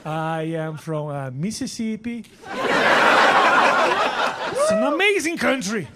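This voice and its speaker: Performing stand-up before a live audience, a Portuguese-speaking man with a Brazilian accent swears freely and emphatically repeats his lines. His voice sits high and slow, with wildly swooping pitch. Loud noise and audience laughter fill the very noisy live recording.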